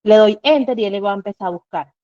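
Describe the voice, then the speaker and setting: A woman's voice: mid-range voice, fast talker, mellow, no room sound. A woman giving a live online Excel class, explaining step by step and asking herself rhetorical questions as she goes. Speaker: Excel instructor. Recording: dull lo-fi dry recording.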